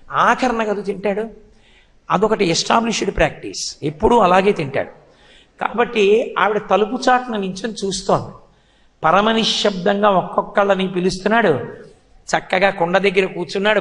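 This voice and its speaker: A man's voice: high voice, fairly bright tone. A man giving a devotional storytelling discourse, telling tales animatedly and chanting verses. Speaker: spiritual discourse speaker. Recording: long hall reverb.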